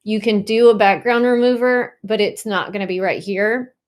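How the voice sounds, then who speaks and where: A woman's voice: mid-range voice, normal speed. A woman at home casually walking viewers through a design tool on a shared screen, chatty and full of ums and likes. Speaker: design tutorial presenter.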